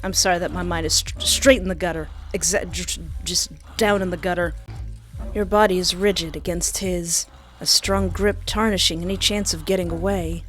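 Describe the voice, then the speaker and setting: With game music in the background, a woman does let's-play commentary on a dating sim, shifting from reading the narration to playful exclamations. Her voice sits on the low side, with fairly even intonation at a normal speed.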